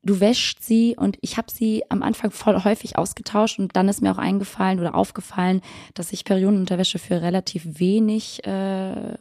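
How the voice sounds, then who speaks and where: A woman's voice: medium pitch, little pitch movement, brisk, a little mellow, no echo, clean studio sound. A woman co-hosting a casual chat podcast, chatty and teasing, laughing often. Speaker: podcast co-host.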